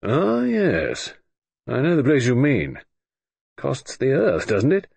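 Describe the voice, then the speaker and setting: A man reading an audiobook, voicing a gruff, blustering old retired admiral who speaks in brusque, clipped grumbles. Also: mid-range voice, huge pitch swings, slow pace, darkish tone, no echo, voice pushed up, exaggerated voice.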